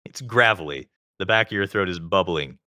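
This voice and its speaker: A man's voice: low voice, lively intonation, fairly quick, bright, forceful tone, dry recording, studio quality. A male guest in a casual interview, talkative and explaining things at length with plenty of filler words.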